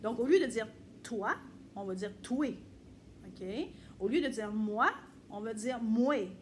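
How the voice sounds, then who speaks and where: A woman from Quebec with a Québécois French accent, explaining casually to camera in a chatty way with frequent pauses. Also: medium pitch, warm tone, slight background noise. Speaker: vlogger.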